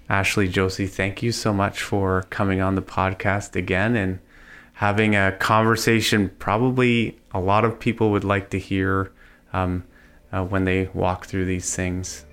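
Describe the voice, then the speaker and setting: A man's voice: sits low, level tone, moderate pace, fairly bright tone. A Canadian man hosting a podcast, explaining things in an informal, conversational way. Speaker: podcast host.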